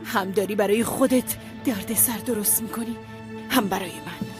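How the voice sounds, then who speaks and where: An actress voicing a middle-aged mother who scolds and warns her headstrong daughter, hushing her sharply. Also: medium pitch, over music, natural voice. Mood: scolding. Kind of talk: TV drama dub.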